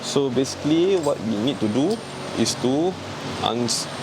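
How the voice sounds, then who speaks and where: Malaysian male, mid pitch, casual hands-on instructor using slangy Malaysian English with frequent "lah"; very noisy location sound with vehicle hum. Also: expressive, unhurried. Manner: colloquial Malaysian slang English, often ending phrases with "lah". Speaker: mechanic demonstrating a repair.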